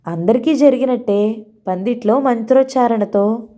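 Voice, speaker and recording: A woman voicing a fond, sharp-tongued middle-aged mother in a read-aloud novel. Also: on the high side, moderate pace, natural voice. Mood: chiding.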